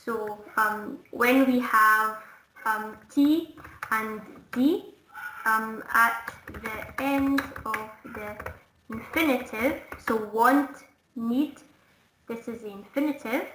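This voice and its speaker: Speaking slowly in a highish voice, a woman from Scotland gives a one-to-one online English lesson indoors, demonstrating sounds and explaining patiently. There is background noise, and the call audio echoes roomily.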